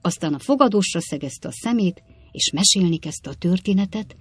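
A woman with a notably low voice reads a novel aloud in a steady, measured way. The recording is dry and close, with no room sound. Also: slightly rough, no echo. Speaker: audiobook narrator. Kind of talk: audiobook narration.

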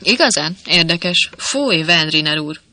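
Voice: medium pitch, expressive, bright, forceful tone, no echo. A reader putting on a brash soldier ghost. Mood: mocking. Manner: brash, mocking, teasing. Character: ghost of a gruff, cocky male soldier. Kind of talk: audiobook character voice.

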